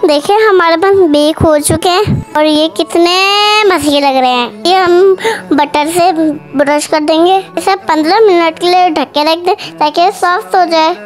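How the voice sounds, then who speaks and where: A young-sounding woman with a very high-pitched voice hosts a cooking segment, narrating a recipe step by step in voice-over at a measured pace. Music plays in the background behind her voice.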